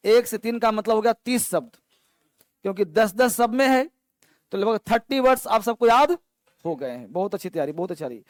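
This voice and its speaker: A male teacher drilling a class on vocabulary, saying each word slowly and then giving its meaning, and calling students up to answer. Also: high voice, expressive, dry recording. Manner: quizzes students, calling on them to stand. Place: classroom with an online stream.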